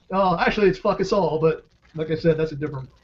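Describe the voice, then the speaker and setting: High-pitched guy ranting and swearing on a podcast, muffled lo-fi sound. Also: a little fast. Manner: excitable, profane, repeats himself when worked up. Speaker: podcast co-host. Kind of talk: casual chat. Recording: dull lo-fi call audio with faint hiss.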